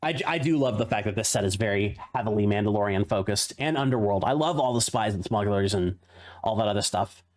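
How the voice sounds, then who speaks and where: A man's voice: fairly low pitch, animated, a little fast. A man streaming a card pack opening, rattling off card names between chatty asides and the odd laugh. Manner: laughs at his own tongue-twisters. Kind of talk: casual unboxing commentary.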